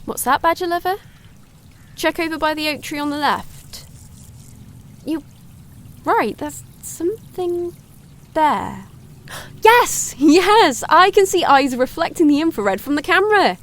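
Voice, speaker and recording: An actress playing a cheerful young woman hosting a woodland wildlife livestream, chatty and excitable. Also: high voice, takes it slowly, pauses often, heavily acted. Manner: chatty, excitable, gasps at sightings. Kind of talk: audio drama, chatty live-stream narration.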